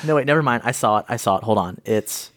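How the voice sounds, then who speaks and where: A man's voice: lowish voice, quick pace, fairly bright tone, no room sound, studio quality. A man co-hosting a casual movie review podcast, joking in a laid-back, rambling way. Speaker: podcast co-host.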